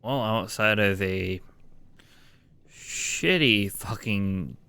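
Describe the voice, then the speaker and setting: A man's voice: lowish voice, extremely slow, bright, forceful tone, clear, resonant tone, no echo. A man giving casual let's-play commentary as a game streamer, sarcastic and sweary.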